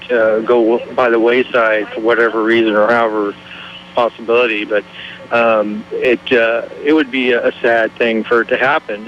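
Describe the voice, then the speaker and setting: Hesitant man with a flat voice. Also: mid-range voice. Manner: hesitant, many fillers and restarts. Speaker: interview guest. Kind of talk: casual interview. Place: outdoors at an old mill. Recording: slightly muffled sound.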